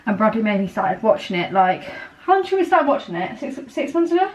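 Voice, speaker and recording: A woman in her twenties chatting casually to her camera at home, rambling a little and filling pauses with ums. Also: mid-range voice, very animated, low-quality recording. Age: 20s. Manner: chatty, rambling, many fillers. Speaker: vlogger. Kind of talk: casual vlog chat. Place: at home, indoors. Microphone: camera on a small tripod.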